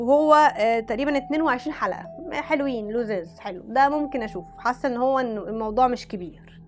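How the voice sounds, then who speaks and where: A woman with an Egyptian Arabic accent, chatting frankly as a vlogger, often breaking off mid-word and starting again. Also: a little high. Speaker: anime vlogger. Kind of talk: casual chat reading out recommendations.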